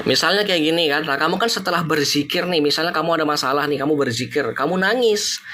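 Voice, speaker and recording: A man's voice: on the high side, quick pace, noisy background. Chatty man. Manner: chatty, loose, mixing in English thanks. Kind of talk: casual live-stream chat.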